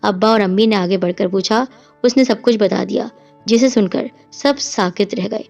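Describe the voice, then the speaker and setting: A woman reads a dramatic story aloud in a steady storyteller's voice. Her pitch sits in the middle of the range. Soft music plays faintly behind her. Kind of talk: scripted story narration.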